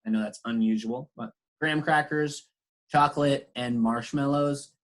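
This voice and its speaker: A man's voice: mid-range voice, moderate pace. A man teaching an online English lesson, patiently explaining words with examples over a video call.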